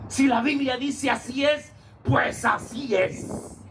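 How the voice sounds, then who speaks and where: Man, pastor, sermon, very high voice, shouted dramatic lines, faint background noise. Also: takes it slowly, creaky. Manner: storytelling preacher, shouts acted lines, addresses listeners as hermano.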